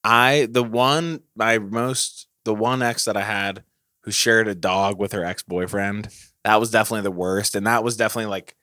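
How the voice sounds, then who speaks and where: A man's voice: fairly low pitch, steady tone, moderate pace, bright, forceful tone, dry recording. A young man co-hosting a casual podcast chat, talking candidly and musing, with frequent swearing. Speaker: podcast co-host.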